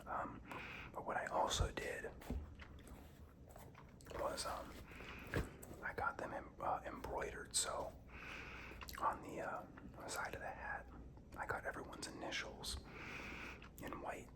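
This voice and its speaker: A young man telling casual stories as an ASMR host in a breathy, halting whisper while chewing gum. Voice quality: breathy whisper with some creak.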